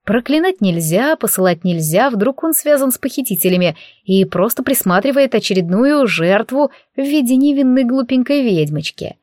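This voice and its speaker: A woman's voice: on the high side, expressive, moderate pace, hardly any pauses, mellow, no echo, studio quality. A woman narrating a comic fantasy audiobook in first person, with a wry, ironic manner.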